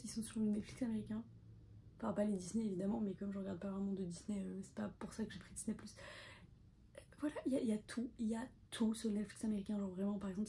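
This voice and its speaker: A young woman talks casually to the camera in a mellow, soft voice and often slips into a breathy half-whisper. She rambles, loops back on her own words and keeps a relaxed, chatty pace. A faint hiss sits under the recording. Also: medium pitch. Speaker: medical student vlogger. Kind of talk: casual vlog chat to camera.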